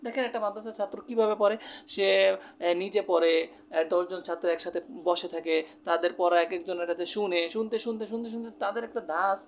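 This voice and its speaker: With a high voice and fairly even intonation, a man from Bangladesh talks a little fast as he teaches Quran recitation rules. He explains and repeats terms, leaning on many fillers, and there's slight background noise.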